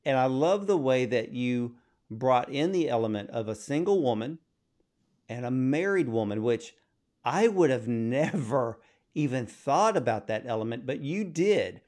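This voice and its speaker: A man interviewing a filmmaker, framing his questions at length and with clear admiration before he asks them. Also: mid-range voice, animated, measured pace, a little mellow.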